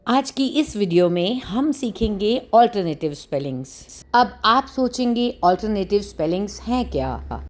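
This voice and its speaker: A woman's voice: medium pitch, big pitch swings. A woman teaching phonics to children, sounding out letters and words one at a time. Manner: sounds out letters slowly and deliberately.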